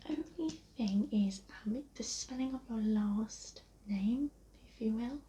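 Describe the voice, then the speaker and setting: In a soft-spoken ASMR roleplay, an English-accented woman takes the part of a receptionist, her breathy voice on the high side and frequently near a whisper. She stays polite, reassuring and unhurried. Noticeable hiss sits behind the muffled, lo-fi audio.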